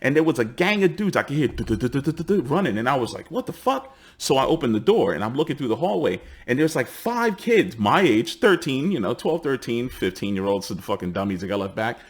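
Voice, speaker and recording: A man's voice: mid-range voice, sing-song, fast talker, hardly any pauses, breathy edge. A man in his forties with a New York accent, from the Bronx, hosting a heated, swear-filled commentary and acting out the people he quotes. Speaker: host. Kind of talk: profane ranting commentary.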